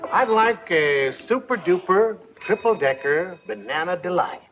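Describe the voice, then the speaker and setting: An actor playing a nosy, self-righteous small-town customer who spreads gossip, in 1950s film acting. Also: male voice, sits high, expressive, unhurried, faint music behind. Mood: ordering. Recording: dull old film soundtrack.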